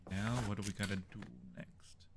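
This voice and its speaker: Hosting a horror game livestream, a man offers casual gaming commentary, unhurried as he mutters to himself and reads out tasks. His voice is on the low side with little pitch movement, over clear background noise.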